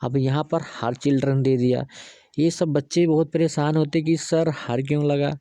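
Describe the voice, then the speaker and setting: A man's voice: a little high, steady tone, moderate pace, warm tone, dry recording. A man teaching English grammar, going through examples step by step and asking himself rhetorical questions.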